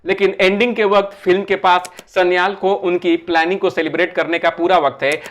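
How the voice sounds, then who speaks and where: A man's fairly high, slightly bright voice carries the scripted narration of a film-review video essay. His explanations are orderly, and rhetorical questions move his argument along.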